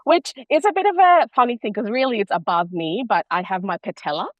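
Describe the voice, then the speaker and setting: A woman from Bangladesh speaks as a podcast guest, calm and explanatory, with an easy laugh. Her voice sits mid-range and comes through a dull, lo-fi recording with no room sound. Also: medium pitch, fairly quick, dry recording. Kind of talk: casual interview conversation.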